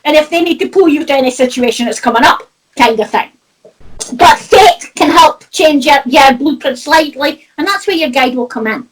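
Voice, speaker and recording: Recorded far from the microphone on poor audio, a woman from Scotland with a Doric accent talks about spirituality in a relaxed way. She works as a medium and shares anecdotes, laughing often and saying "you know" a lot. Her voice is high and her speed is normal.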